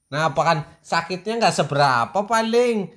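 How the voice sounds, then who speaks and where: A man's voice: on the high side, fairly bright tone. A man filming a casual family vlog, teasing his crying daughter in a playful way and laughing often at home.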